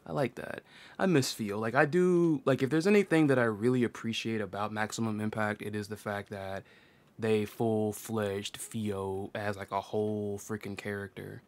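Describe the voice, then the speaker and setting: A man's voice: lowish voice, steady tone, normal speed. A man hosting a casual chat about fighting games, rambling with lots of fillers and laughing often. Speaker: podcast host.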